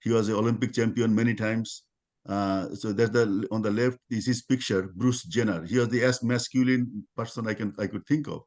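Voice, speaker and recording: A middle-aged man giving an informal talk at a religious study circle over a video call, part of it read aloud, full of halting restarts and fillers. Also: on the low side, steady tone, darkish tone.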